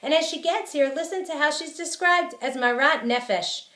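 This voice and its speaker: A woman's voice: high-pitched, normal speed, fairly bright tone, reverberant. A woman teaching a Torah lecture. She explains verses in plain terms and stresses points through repetition.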